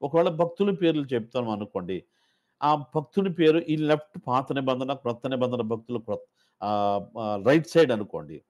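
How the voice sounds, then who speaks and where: A man trains Sunday school teachers, walking through methods step by step in a loose, informal style full of fillers and restarts. His mid-range voice is animated and a little mellow, at a moderate pace.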